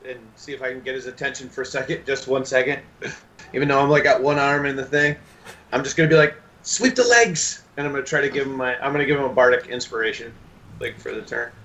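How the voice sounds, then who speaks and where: A man's voice: mid-range voice, flat delivery, fairly bright tone, a little hiss or hum, low-quality recording. A man playing a tabletop game, talking in a playful, rambling way about his character's moves. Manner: playful, rambling, quick to laugh. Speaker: player. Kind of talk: casual game chat.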